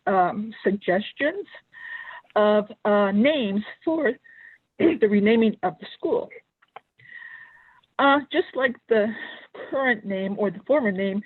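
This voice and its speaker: A woman calling in by phone to give public comment to a school board, speaking earnestly and pausing to find her words. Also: mid-range voice, breathy edge, no echo. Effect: heard over a phone line. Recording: tinny, dry phone line.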